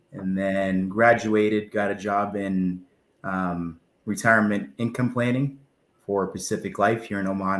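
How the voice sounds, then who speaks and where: A financial planner in his twenties, originally from Zimbabwe, answers interview questions as a guest in a relaxed, friendly manner, often using fillers. His voice is on the low side, and the recording sounds roomy.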